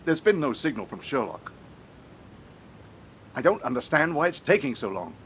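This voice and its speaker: Doctor Watson, animated, loyal companion. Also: male voice, medium pitch, normal speed, a little hiss or hum. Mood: worried. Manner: polite, hesitant, agreeable. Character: loyal, anxious, genteel male doctor, detective's companion. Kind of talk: dramatic film dialogue.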